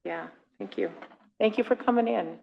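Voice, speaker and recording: Gravelly-voiced woman on a council. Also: mid-range voice, normal speed, narrow, tinny audio, noisy background. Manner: earnest, rambling, conversational. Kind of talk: remarks at a council meeting.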